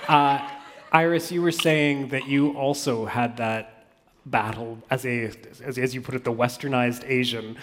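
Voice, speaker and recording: A man's voice: medium pitch, wildly swooping pitch, slow pace, long pauses, a bit bright, big-room sound. A man hosting a book discussion, asking probing follow-up questions. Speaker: host.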